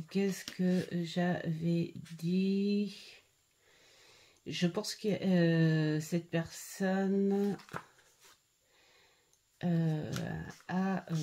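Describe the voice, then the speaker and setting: A middle-aged woman talks slowly through a casual card-deck review at home. Her voice sits low and mellow, and she stops and starts with many fillers. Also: slight background noise. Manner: hesitant, full of "euh" fillers and restarts. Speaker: tarot and oracle card vlogger. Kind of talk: casual unboxing and review chat.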